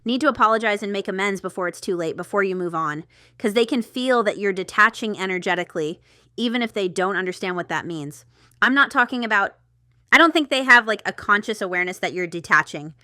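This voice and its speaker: Talking directly to the viewer, a tarot reader and channel host offers a casual, intuitive reading, chatty and thinking out loud with rambling digressions. Her medium-pitched voice has a sharp tone, recorded in clean studio sound with no room sound.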